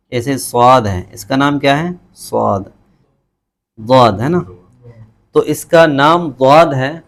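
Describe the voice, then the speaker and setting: A man teaching a tajweed lesson, patiently repeating letter sounds slowly for students to copy, with English words mixed in. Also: medium pitch. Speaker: Quran recitation teacher.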